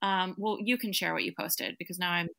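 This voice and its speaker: Woman host, bright tense voice, probing casual questions. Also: on the low side, brisk, gravelly. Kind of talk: interview questions.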